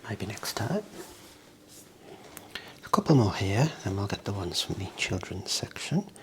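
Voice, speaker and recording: A person in an ASMR role-play as a calm librarian, murmuring to themselves in a breathy soft voice while reading things out. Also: low voice, a little slow, slight background noise. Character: calm librarian sorting book orders. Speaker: ASMR performer playing a librarian.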